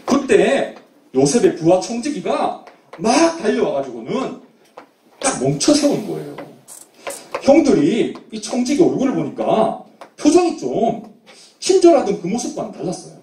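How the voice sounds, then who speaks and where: Animated male children's preacher. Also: high voice, normal speed, slight background noise. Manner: animated storytelling. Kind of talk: Bible storytelling for children. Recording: echoey room, mic at a distance.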